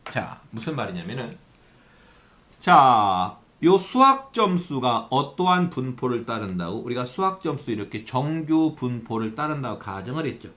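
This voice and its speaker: A man's voice: mid-range voice, very animated, moderate pace, fairly bright tone. A man teaching a math lesson who keeps asking questions and answering them himself, sometimes speaking as his students. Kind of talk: lively lecture at a whiteboard.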